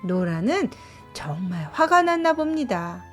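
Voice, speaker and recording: A woman reading a children's picture book aloud and gently explaining it line by line. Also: mid-range voice, big pitch swings, unhurried. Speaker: storyteller. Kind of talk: bilingual storybook reading. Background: soft background music.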